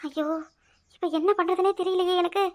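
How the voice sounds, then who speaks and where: A woman voicing a scheming young wife in a cartoon, with a Kanyakumari Tamil accent and a shrill, flustered way of talking. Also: steady tone, a little fast, a little mellow. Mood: panicky. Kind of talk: cartoon voice acting.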